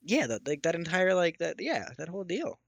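A man's voice: a little high, very animated, fairly quick, vocal fry, a bit bright, no echo. Easygoing, teasing young man, dry sound. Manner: teasing, easygoing, lots of short backchannels. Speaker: podcast co-host. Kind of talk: casual chat.

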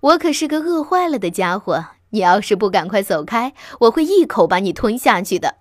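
Storybook father fox: sly, calm, gentle , a woman reading, a bit lower than her own voice. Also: brisk, no room sound, studio quality. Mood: silky.

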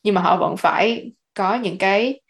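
A woman co-host chats loosely about books, her voice sitting at an ordinary middle pitch. She pauses often with fillers and slips English words into her talk. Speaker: podcast co-host. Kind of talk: casual book chat. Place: lives in the US.

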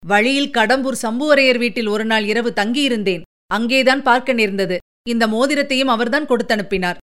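A woman's voice: fairly high pitch, a little fast, fairly bright tone, natural voice. A woman voicing a humble young male warrior messenger who answers politely and deferentially.

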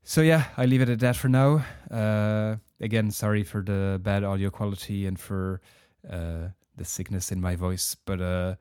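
A man's voice: on the low side, fairly even intonation, moderate pace, few pauses, darkish tone, clear, resonant tone, no room sound, clean studio sound. A man hosting a podcast, talking casually with many filler words, getting over a heavy cold. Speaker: podcast host.

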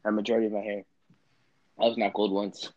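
A man's voice: lowish voice, flat delivery, fast talker, darkish tone, no room sound, lo-fi sound. Teasing teenage guy on a video call. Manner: laughs often, teasing banter. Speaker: host. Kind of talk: casual chat.

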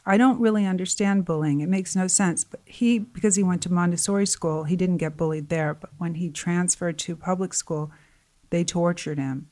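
A middle-aged woman with a slightly low voice speaks earnestly as a guest coach. She talks with conviction and turns animated when she acts out what other people say. Her voice sounds a little tired. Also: normal speed. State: voice getting tired. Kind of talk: conversational interview.

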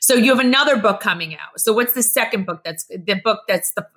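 A woman hosts a casual podcast chat with a bright, forward voice. She gushes with enthusiasm and keeps the conversation rolling. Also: medium pitch, lively intonation, a little fast. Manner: enthusiastic, gushing. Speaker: podcast host.

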